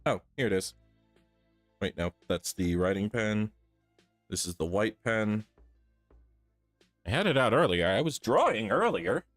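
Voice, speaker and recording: A man's voice: lowish voice, lively intonation, a little slow, pauses often, fairly bright tone, dry recording, soft background music. A tired man with his voice a bit off, chatting casually with viewers while he draws on a live stream. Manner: chatty, thinks aloud while drawing. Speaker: art streamer.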